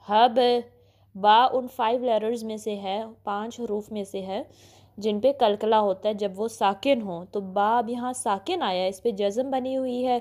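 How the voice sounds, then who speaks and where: एक महिला शिक्षिका, जो धैर्य से धीरे-धीरे तजवीद का उच्चारण सिखाती है और अक्षरों को बार-बार दोहराती है।. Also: female voice, on the high side, darkish tone. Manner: patient, repeats syllables slowly, often says "okay". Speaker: Quran recitation teacher. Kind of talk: slow step-by-step pronunciation lesson.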